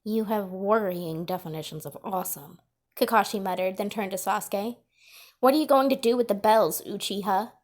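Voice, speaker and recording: A woman voicing a grumpy grown male ninja teacher who mutters low and grudgingly in a fan story reading. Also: moderate pace, a little mellow, natural voice. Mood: grumbling.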